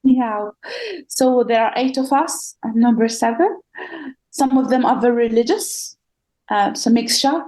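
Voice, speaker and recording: As a guest on a podcast, an Arabic-speaking woman of Palestinian heritage who grew up in the Gulf gives an earnest, reflective testimony of her faith, hesitating at times. Her fairly high voice has a darkish tone and a measured pace. The audio quality is poor.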